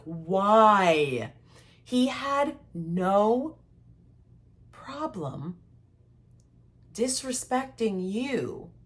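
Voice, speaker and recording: A young woman telling a story in a casual, heated rant to the camera, acting out what others said. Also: fairly low pitch. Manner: animated, heated, acts out quotes. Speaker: content creator.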